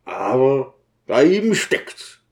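A man's voice: medium pitch, very animated, slow, creaky, exaggerated voice. A man doing a grumbling, grieving deacon. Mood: brooding. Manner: grumbling, sulky, weary. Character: grieving, brooding male deacon, stubborn.

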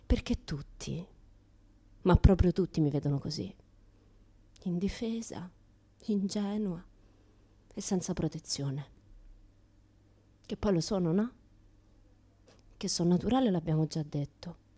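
Hushed and confiding, an actress speaks in a low, breathy voice with a Roman Italian accent, playing a defiant young woman who calls herself naive. The colloquial radio theatre monologue alternates between quiet asides and louder outbursts.

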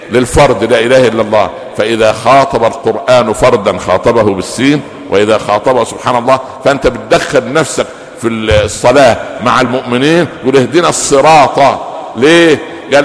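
An older man with an Egyptian Arabic accent giving a religious lecture, animated, questioning his audience and drawing out words. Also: mid-range voice, big-room sound. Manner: animated, asks the audience questions and pauses for answers. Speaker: preacher.

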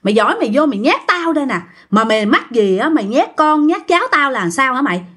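A woman's voice: high voice, sing-song, fast, fairly bright tone, husky, voice pushed up, exaggerated voice. A woman voicing a fierce older grandmother who curses coarsely and angrily at a ghost in a spoken story. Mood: furious. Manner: coarse angry cursing.

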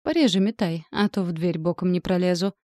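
A rattled, foul-mouthed husband squeals and grumbles in an audiobook, as a woman reader puts him on. He sounds shrill and panicky, a little higher than the reader's own voice. The voice sits close and dry. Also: a little fast, mellow, no room sound, lightly acted. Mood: grumbling. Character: panicky foul-mouthed husband, a man in his wife's pregnant body.

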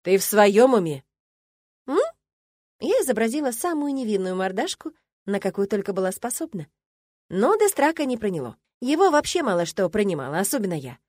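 A woman reads a fantasy audiobook in the first person. Her voice has a middle pitch and a wry, ironic edge. The recording is close and fully dry, with no room around it. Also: big pitch swings, a little fast, a little mellow, dry recording. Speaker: audiobook narrator.

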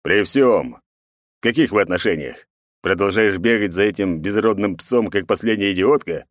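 A man voicing a gruff, commanding middle-aged emperor and father in an audiobook. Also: on the low side, moderate pace, no room sound, studio quality, close to an everyday voice. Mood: stern.

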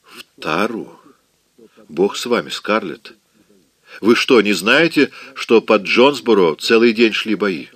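A man's voice: fairly low pitch, expressive, takes it slowly, long pauses, fairly bright tone, no room sound, full character voice. Rhett, a self-assured commanding man, read by a man. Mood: firm. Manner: firm, commanding. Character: self-assured man, blunt then tender. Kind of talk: audiobook reading.

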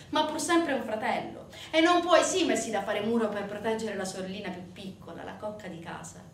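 With a medium-pitched, somewhat bright voice, a woman performs as a stage actress in a dramatic monologue. Her intense, emphatic narration swells and falls, captured by a distant microphone in a roomy space with faint noise.

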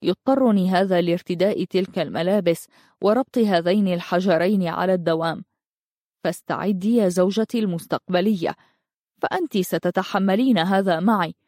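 An earnest, tender young man in a storybook, read by a woman in her own voice. The tone is mellow and warm, the sound close and dry. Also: lowish voice, brisk, no room sound, natural voice.

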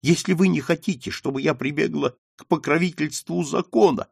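A man voicing a desperate young daughter, high and tearful. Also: fairly quick, creaky, breathy edge, no echo, clean studio sound. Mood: pleading. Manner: tearful high pleading cries.

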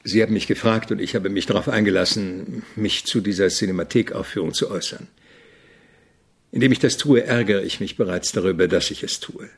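A male actor with a gravelly, husky, low-leaning voice plays an opinionated, irritable avant-garde composer in a German radio drama. He speaks deliberately and didactically, sounding irritated as he lectures.

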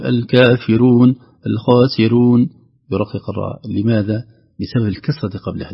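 A man teaching Quran recitation rules, explaining slowly and demonstrating words in a drawn-out recited voice. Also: medium pitch, breathy edge, muffled recording. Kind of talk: tajweed lesson with recited examples.

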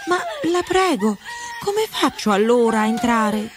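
A polite, curious young girl , read by a woman narrator, asks her questions in a lightly raised, lively voice. Faint music runs under the storybook reading. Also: fairly high pitch, a little slow, voice pushed up. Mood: inquisitive. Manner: polite and inquisitive.

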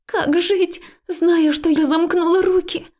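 A woman's voice: extremely high pitch, steady tone, unhurried, a little mellow, voice pushed up. A woman voicing a terrified young female friend who pleads and cries out, stubborn and sobbing. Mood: desperate.

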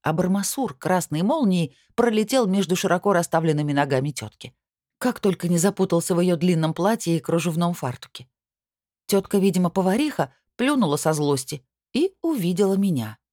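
A woman reads a first-person story aloud in a low, deep voice, with lively, wry storytelling. The sound is dry and close, with no room around it. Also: a little fast, dry recording. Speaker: audiobook narrator. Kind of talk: first-person scripted narration.

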